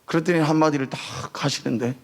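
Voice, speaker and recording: A fast-talking missionary preacher delivers his testimony as a sermon to a youth service. He tells it as animated storytelling, acting out the voices he quotes, and climbs to emotional near-shouting at the high points.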